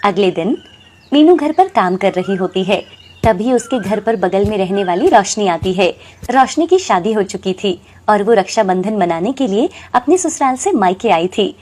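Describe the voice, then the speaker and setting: A woman narrates a scripted moral story in a medium-pitched, slightly mellow voice that is expressive and moderately paced.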